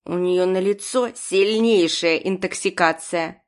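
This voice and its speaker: A bossy old woman doctor barks her orders, low and loud, voiced by a woman reading an audiobook. She speaks in a hard, commanding way and puts up with no argument. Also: a little slow. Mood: imperious. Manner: commanding, barking. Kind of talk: audiobook character voice.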